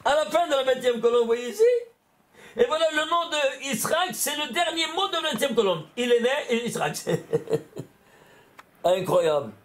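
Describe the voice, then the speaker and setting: A man, a rabbi, giving an animated Torah lesson, often exclaiming and putting questions to his listeners. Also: very high voice, moderate pace.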